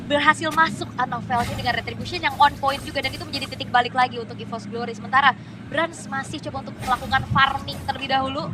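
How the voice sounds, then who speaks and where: A woman with an Indonesian accent giving live game commentary and analysis as an esports caster. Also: high-pitched. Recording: noisy crowded arena, slightly distant mic.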